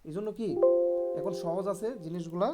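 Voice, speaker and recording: A man's voice: sits high, steady tone, normal speed, over loud music. A man teaching Quran reading in an online group lesson, patient and encouraging, often checking whether students follow.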